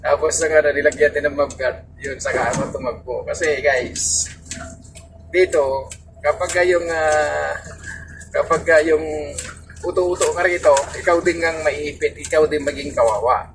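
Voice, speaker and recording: A man's voice: on the high side, fairly even intonation, normal speed, gravelly. A man, a truck driver, casually giving advice to fellow drivers, rambling with many fillers. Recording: distant mic, noisy surroundings.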